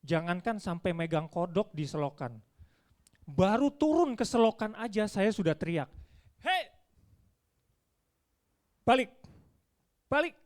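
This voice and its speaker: Male preacher with a high voice, animated storyteller, church sermon. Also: moderate pace. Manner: animated storytelling, acts out dialogue.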